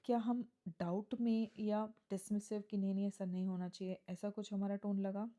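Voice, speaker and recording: A woman teaching an editorial reading lesson. She reads the English lines slowly, then explains them in Hindi, and checks in with students as she goes. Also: mid-range voice, flat delivery, dark tone. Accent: Indian English. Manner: asks students questions and checks with "है ना?".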